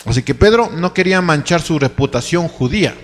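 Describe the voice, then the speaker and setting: A man preaching a sermon, reading scripture aloud and breaking into lively acted-out asides. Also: a little high. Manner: animated preaching, reads scripture aloud, acts out quick asides. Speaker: pastor. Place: church. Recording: church hall with long reverb and faint hum.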